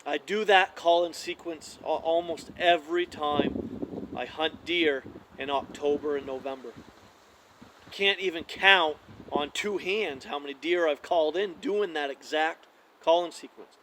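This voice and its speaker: Relaxed man explaining deer calls. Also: a little high, unhurried, noisy background. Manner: relaxed, conversational, with frequent "like" and restarts. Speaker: hunting call demonstrator. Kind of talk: casual how-to demonstration.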